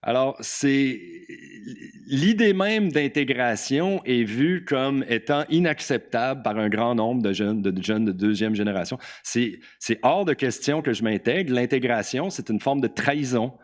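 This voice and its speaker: A man's voice: medium pitch, a little slow. A man with a Québécois French accent giving a conference talk, speaking informally, repeating words and often tagging "là". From Quebec. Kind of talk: conference talk quoting testimonies.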